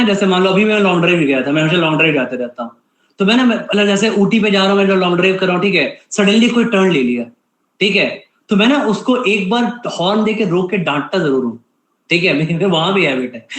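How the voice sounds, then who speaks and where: A man's voice: sits high, expressive, a little fast, a bit bright. A man teaching an online class, giving a stern scolding lecture with an Indian English accent and repeatedly checking "ठीक है?". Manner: stern, repeats "ठीक है?" and switches often between Hindi and English. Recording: echoey room.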